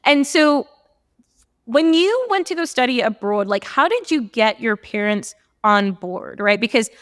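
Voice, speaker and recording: Bubbly young female podcast host, slightly high, dry close mic. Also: expressive, measured pace, no echo. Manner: bubbly, gushing, laughs often. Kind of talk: casual podcast interview.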